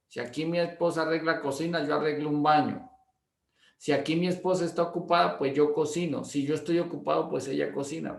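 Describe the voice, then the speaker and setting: A male pastor teaching through a homely anecdote. His voice sits slightly high and he slips into the people he quotes, often repeating himself. The room adds a noticeable echo. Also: vocal fry. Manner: anecdotal, acts out dialogue, repeats words. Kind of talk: storytelling teaching class. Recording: roomy echo.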